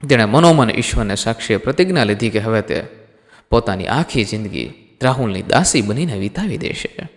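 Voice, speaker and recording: Man, emotional story narration, dramatic, gravelly, long reverb. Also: fairly low pitch, expressive, brisk. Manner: dramatic, addresses listeners as friends.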